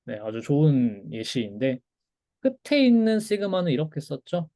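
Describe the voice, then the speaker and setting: Male lecturer, mellow tone, patient and repetitive when modeling pronunciation. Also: on the high side, sing-song. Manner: patient, repeats each pronunciation slowly. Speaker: language lecturer. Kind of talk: recorded lecture.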